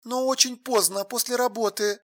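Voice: high-pitched, moderate pace, voice pushed up. An audiobook reader voicing an exasperated adult woman on the phone, insistent and demanding. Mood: flat. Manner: insistent, sharp, then drained and flat. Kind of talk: audiobook dialogue.

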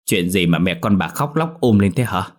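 A man playing a violent, furious older farmer who shouts and curses at his daughter. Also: low voice, animated, normal speed. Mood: gruff. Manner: shouting, harsh, cursing.

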